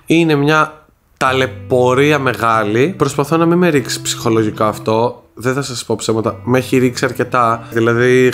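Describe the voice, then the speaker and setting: A young vlogger with a Greek accent, his voice medium-pitched and a bit bright, retells what happened to him in a casual video. He sounds shaken, repeats himself, and talks frankly to his viewers.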